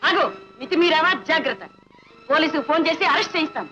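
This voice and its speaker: A woman's voice: sits high, quick pace, bright, forceful tone, faint music behind. An actress playing a domineering, proud mother-in-law who speaks in a haughty, commanding way, in a film melodrama. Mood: threatening. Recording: dull old film soundtrack.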